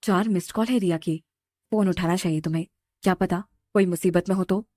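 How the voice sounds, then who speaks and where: A woman voicing a protective, quick-tempered young husband in an audio drama, speaking firmly and commandingly. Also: fairly low pitch, dark tone, no echo, clean studio sound, lightly acted. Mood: concerned. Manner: firm, commanding.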